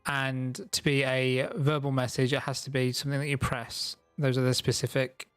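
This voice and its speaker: A man's voice: medium pitch, level tone, normal speed, fairly bright tone, smooth, no echo, soft background music. A man narrating and ruling as game master in a casual tabletop session, loose and swearing freely. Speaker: dungeon master.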